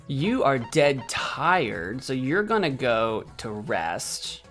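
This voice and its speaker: Soft background music plays under this slow, fairly bright, medium-pitched male voice with wide pitch swings. The man, from the United States, rambles through relaxed gameplay commentary on stream, thinking out loud, catching his own mistakes and jokingly acting offended at chat.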